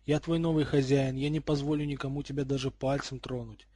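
A man's voice: medium pitch, flat delivery, fairly quick, dry recording, lightly acted. A man doing a hot-tempered teenage wizard boy. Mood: irritated. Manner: shouting, angry and frantic.

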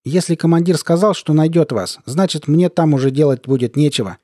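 A man voicing a cheeky, upbeat male clan fighter who talks briskly and cheerfully. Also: on the high side, mellow, no room sound, clean studio sound, voice pushed up, lightly acted.

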